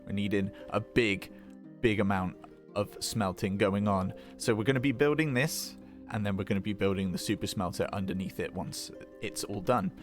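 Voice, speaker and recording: A young man giving a relaxed, rambling commentary while playing a building game, with lots of fillers and small laughs. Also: fairly low pitch, normal speed, faint music behind. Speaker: gaming video host. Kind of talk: casual gameplay commentary.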